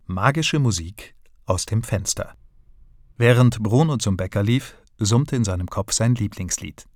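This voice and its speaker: A man narrating a children's audiobook story in a calm, even storytelling manner. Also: on the low side, measured pace.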